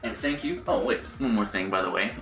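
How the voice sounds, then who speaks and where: A man's voice: on the low side, fairly quick, a bit bright, soft background music. A middle-aged man chatting casually on a live stream, rambling with many fillers and restarts. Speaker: Twitch streamer.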